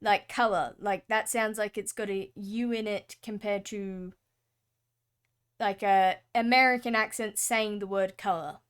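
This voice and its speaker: Chatty Australian woman, smooth voice. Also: mid-range voice, fairly even intonation, a little slow. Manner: rambling, chatty, many fillers and restarts. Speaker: streamer. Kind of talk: casual chat while drawing.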